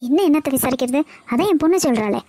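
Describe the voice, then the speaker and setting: A woman's voice: high-pitched, lively intonation, quick pace, mellow, no room sound, clean studio sound. Woman doing an indignant cartoon mother. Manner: indignant, nagging. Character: angry protective mother, loud and pushy.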